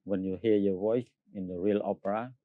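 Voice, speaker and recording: This man, a Khmer-speaking Cambodian who sings tenor in opera, stumbles through an interview in English, laughing often and leaning on fillers. The pitch is fairly low and the tone steady, and the dry recording comes across narrow and tinny.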